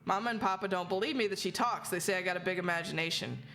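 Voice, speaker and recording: A woman's voice: lowish voice, fast, a bit bright, soft background music. Woman reading as a young frontier girl, rustic phrasing. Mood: uneasy, childlike. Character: frightened young frontier girl writing her diary. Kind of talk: reading a diary aloud.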